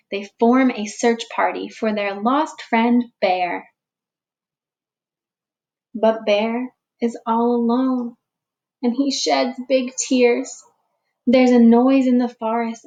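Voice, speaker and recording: A woman teacher reading a picture book aloud to young children, slow and expressive, giving the animals little voices. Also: a little high, highs cut off. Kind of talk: read-aloud storytime for children.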